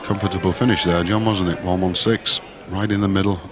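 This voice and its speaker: A man's voice: low voice, steady tone, fairly quick. A man giving live television darts commentary in short, clipped phrases. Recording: crowd roar and noise behind commentary. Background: darts arena crowd.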